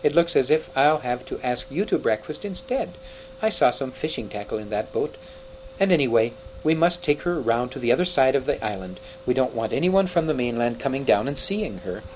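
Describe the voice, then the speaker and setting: A man reading aloud and voicing a cheerful, capable, stocky male dwarf in a brisk, chatty, slightly raised voice. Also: medium pitch, lively intonation, a little hiss or hum, close to an everyday voice, low-quality recording.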